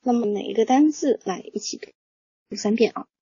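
A woman teaching English vocabulary, slowly drilling word pronunciations and explaining them patiently to learners. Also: a little high, warm tone, husky, dry recording. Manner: slow, patient, drills words aloud. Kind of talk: pronunciation lesson, repeating words. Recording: dull, lo-fi, dry.

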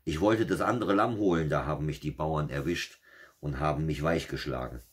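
A man reading a fairy tale aloud, voicing a greedy, bullying male wolf with a gruff, demanding manner. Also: very deep voice, normal speed. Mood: whining.

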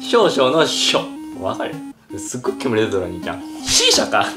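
A young man speaks fast in a Hiroshima accent, with a voice that rises and falls a lot. He banters and teases while he cooks. Background music plays clearly behind his voice. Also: on the low side, wildly swooping pitch, roomy sound. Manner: teasing, jokey banter. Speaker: YouTuber, younger brother. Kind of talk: casual chat while cooking.

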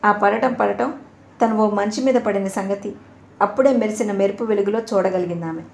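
A woman narrating an audio novel in a steady storytelling manner. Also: mid-range voice, normal speed, creaky. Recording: echoey room, faint hiss.

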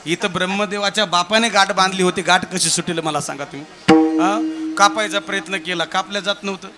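High-voiced preacher telling a funny story over music. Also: male voice, fairly even intonation, brisk. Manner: addresses listeners as Maharaj, quizzes the crowd. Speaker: kirtan preacher. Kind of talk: humorous devotional storytelling sermon. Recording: live event with instrumental music.

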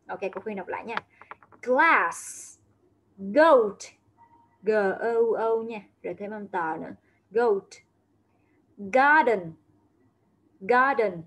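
Spelling out each word one letter at a time, a Vietnamese-speaking woman leads a slow English vocabulary lesson for young children, repeating words patiently. She has a mid-range, slightly bright voice, talks a little slowly, and pauses often.

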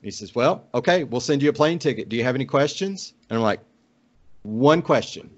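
Speaking a bit fast with lively intonation and a medium-pitched voice, an Oklahoma man in middle age recounts a casual story of his own. He's a podcast guest joining by video call from a room indoors, United States. The recording has dull, low-fidelity call audio.

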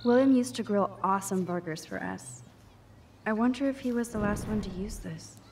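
A woman's voice: mid-range voice, normal speed, darkish tone, far from the mic, a little hiss or hum, close to an everyday voice. Woman voicing Max, a wistful shy teen. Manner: wistful, musing to herself. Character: shy 18-year-old girl, photography student. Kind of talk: video game inner monologue.

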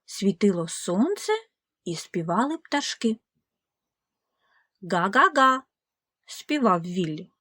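Woman storyteller, children's audiobook, slow pace, lively melody, husky voice, dry sound. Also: medium pitch, no echo. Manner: slow, gentle, expressive reading.

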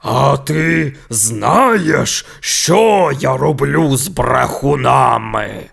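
A man voicing a huge, angry male sea monster in a children's audio story, with a slow, menacing drawl. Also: mid-range voice, expressive, creaky, a bit bright, slightly rough, heavily acted.

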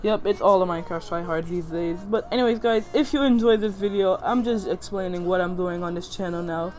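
A man's voice: high voice, brisk, a little mellow. A young man doing casual gameplay commentary in a rambling, slangy, self-hyping manner as a video host. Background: music.

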